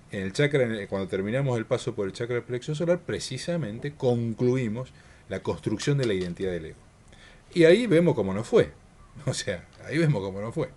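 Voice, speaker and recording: A man leads a spiritual workshop in a somewhat low voice. He talks in a measured, patient way, circling back to restate his points and posing questions to his listeners. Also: warm tone, a little hiss or hum. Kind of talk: spoken workshop talk.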